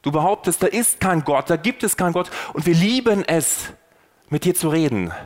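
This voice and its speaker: A man with a fairly high voice preaches on a faith podcast. He talks straight to the listener and keeps asking rhetorical questions. His delivery is earnest and persuasive, and it rises and falls for emphasis. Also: expressive, moderate pace. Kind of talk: sermon-style podcast talk.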